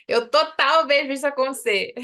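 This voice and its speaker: A woman's voice: high voice, bright, forceful tone. Woman teaching English online. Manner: explanatory, repeats phrases to drill pronunciation. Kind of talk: online language lesson.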